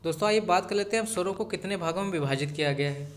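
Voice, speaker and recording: Higher-voiced man teaching, repeating key points. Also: racing. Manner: repeats key points, addresses viewers as friends. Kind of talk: exam-prep lecture.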